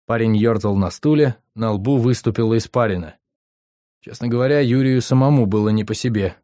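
A man's voice: medium pitch, fairly quick, warm tone, no echo. Man narrating an audiobook, dry and close. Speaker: audiobook reader.

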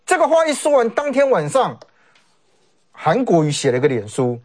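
A man with a Taiwanese Mandarin accent giving animated, sarcastic political commentary on a talk show, often mimicking what others said. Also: sits high, normal speed.

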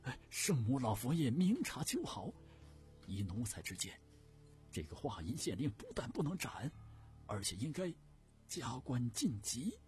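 A man's voice: very animated, measured pace, a little mellow, soft background music. A man voicing a sly, fawning eunuch servant who pleads in a raised voice. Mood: wheedling. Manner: groveling, pleading, higher voice.

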